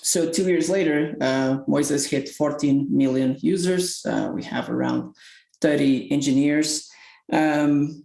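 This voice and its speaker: A man talks as an interview guest, earnestly hunting for the right English words. His voice is gravelly with a creaky edge. The room around him rings with noticeable echo. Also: mid-range voice, a little mellow. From Portugal. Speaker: tech company executive guest. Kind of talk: podcast interview. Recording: roomy echoey sound.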